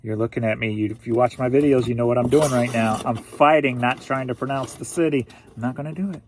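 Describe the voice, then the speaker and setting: This is a jokey man in his forties from St. Louis, Missouri who resells online and talks to himself while packing orders. His mid-range voice is fast, and there is noise in the background.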